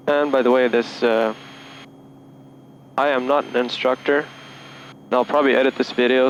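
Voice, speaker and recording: Narrating his solo flight, a student pilot keeps an even, mid-range tone over the cockpit drone, mixing casual vlog chat with radio calls. The sound is muffled, taken from a cable-fed headset in the small plane, with the light aircraft engine humming steadily throughout.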